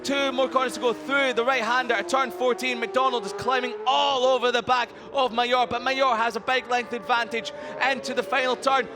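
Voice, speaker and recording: A man working as a motorsport commentator, calling a live motorcycle race with excited, dramatic play-by-play. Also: very high-pitched, moderate pace, few pauses. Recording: clear vehicle noise throughout.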